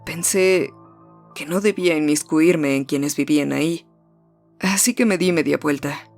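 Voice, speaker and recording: A narrator reading a first-person horror story in a measured, suspenseful way, slowing down and dropping low at the tense moments. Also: soft background music.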